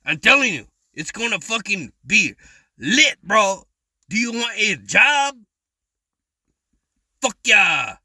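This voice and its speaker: High-pitched taunting young man. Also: sing-song, slow, long pauses, pushed and bright, no room sound. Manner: taunting, mocking, repeats "bro" constantly. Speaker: online voice chat troll. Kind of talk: provocative voice chat banter.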